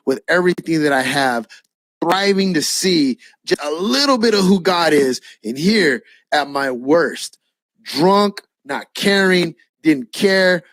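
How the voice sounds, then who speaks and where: A man preaching his own testimony as a lively storyteller, acting out the dialogue and dropping a casual "man" now and then. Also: on the high side, dry recording, studio quality. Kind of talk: spoken personal testimony.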